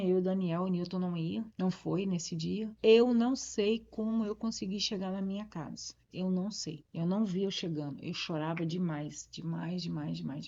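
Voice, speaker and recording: A woman pastor from Brazil giving an emotional testimony. She talks at a middle pitch and acts out both sides of a conversation. The audio is slightly dull and muffled. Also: dark tone. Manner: emotional storytelling, acts out dialogue. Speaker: pastor, interviewee. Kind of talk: personal testimony.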